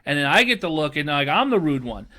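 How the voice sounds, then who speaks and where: A man co-hosting a podcast, ranting casually and swearing freely, mocking people in high put-on voices. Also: sing-song, fast talker, bright, forceful tone. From Chicago area, US. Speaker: podcast co-host. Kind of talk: casual profane rant.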